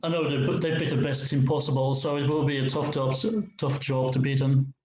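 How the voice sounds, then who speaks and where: A man, an esports player, answering post-match interview questions over a call, his voice echoing as if in a cave, halting and repeating words. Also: mid-range voice, level tone, darkish tone. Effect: echoey cave-like sound on his voice. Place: living room. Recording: roomy echo over an online call.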